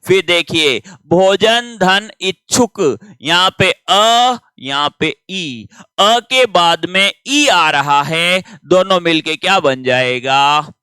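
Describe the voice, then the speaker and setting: A man's voice: high-pitched, animated, slow pace, few pauses, pushed and bright, clear, resonant tone, no echo. A man teaching grammar in a patient classroom manner, asking questions and answering them himself.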